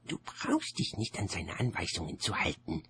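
A man's voice: low voice, wildly swooping pitch, moderate pace, fairly bright tone, heavily acted. A man voicing a young male wizard apprentice who hisses and pleads. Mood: hissing. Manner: hissing, pleading.

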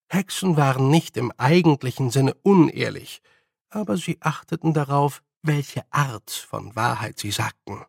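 A man narrating a storybook in a measured, expressive way. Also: mid-range voice, vocal fry, no echo, studio quality. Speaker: audiobook narrator.

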